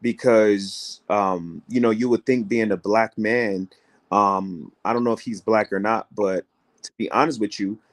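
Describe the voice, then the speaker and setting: A steady, lowish male voice at a measured pace belongs to an American co-host of an informal call-in travel show. His argument grows through repeated rhetorical questions, and he performs the voices of other people along the way.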